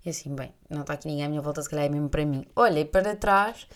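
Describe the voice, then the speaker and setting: Podcast host, young woman, European Portuguese accent, lowish voice, animated anecdotes with laughter. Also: rapid-fire. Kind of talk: casual storytelling chat.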